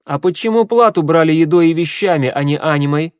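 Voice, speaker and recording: A man voicing a stubborn, hot-tempered peasant girl in an audiobook, shrill and indignant. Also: fairly quick, a little mellow, no echo, studio quality, lightly acted. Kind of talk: audiobook character voice.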